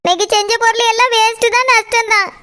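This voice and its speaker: A woman with a Tirunelveli Tamil accent voices a cartoon character, a tearful village mother-in-law who scolds, wails, complains, and laments. Her voice is very high-pitched and sharp, with fairly even intonation and a quick pace.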